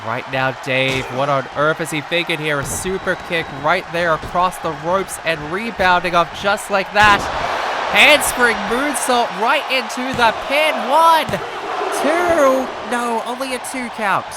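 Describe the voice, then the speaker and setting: High voiced guy calling a wrestling match, wordy excitable commentator, really loud crowd noise behind him. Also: measured pace. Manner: excitable, wordy, repeats phrases for emphasis. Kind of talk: live play-by-play wrestling commentary.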